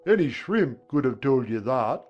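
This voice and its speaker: A man's voice: mid-range voice, very animated, measured pace, dull audio, faint music behind. A man voicing a solemn, impatient male Gryphon who bosses others around, in a dramatized audiobook. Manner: blunt, impatient, bossy.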